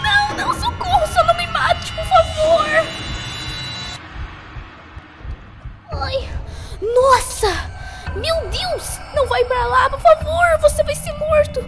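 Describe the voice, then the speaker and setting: A woman voicing a sporty, easily frightened young female pony in a game, with a Brazilian Portuguese accent, talking jittery and squealing while playing. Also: very high voice. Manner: jittery, squealing and shrieking when scared. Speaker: gaming youtuber. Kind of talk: let's play commentary in character. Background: game music.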